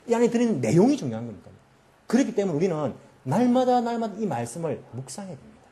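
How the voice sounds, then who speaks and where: A man's voice: high voice, warm tone. A man preaching a sermon as pastor, emphatic, with many rhetorical questions and story-telling in a church. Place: church sanctuary.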